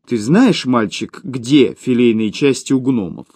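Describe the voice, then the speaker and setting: A calm, serious invisible spirit with a dark, dry wit, as a man puts him on. The voice is lively in pitch, and the storybook reading sounds dry and close. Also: a little slow, dry recording. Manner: calm, serious, dryly mocking.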